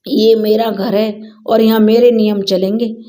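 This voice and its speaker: A woman's voice: medium pitch, flat delivery, measured pace, warm tone, lightly acted. A woman voicing a middle-aged village mother who speaks firmly and sternly to her son and daughter-in-law. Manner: stern, firm.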